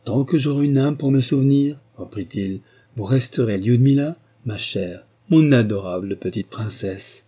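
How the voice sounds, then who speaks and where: A man's voice: medium pitch, normal speed, breathy edge, natural voice. A man reading an audiobook voices an earnest young suitor speaking tenderly. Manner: tender, soft-spoken.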